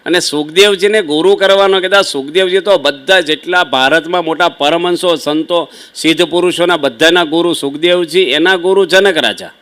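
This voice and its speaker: વાર્તા કહેતા ગુજરાતી સ્વામી, પુરુષ. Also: male voice, fairly high pitch, normal speed, a bit bright. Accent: Gujarati. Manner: conversational, folksy storytelling with asides to listeners. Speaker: swami preacher. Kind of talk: devotional sermon storytelling.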